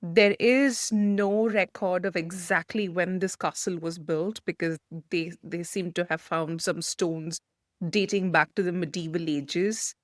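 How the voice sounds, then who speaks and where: A woman's voice: on the low side, steady tone, a little slow, no echo, clean studio sound. Chatty Indian-born woman co-host. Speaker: podcast co-host. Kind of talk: casual chat.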